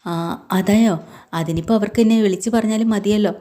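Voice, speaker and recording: A woman voicing a gentle young woman who works as a household maid, speaking earnestly and pleadingly in a mellow voice. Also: mid-range voice, brisk, natural voice.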